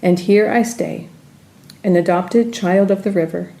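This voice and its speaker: A woman reading her own personal essay in a calm, reflective manner. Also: mid-range voice, unhurried, vocal fry. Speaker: writer reading her story.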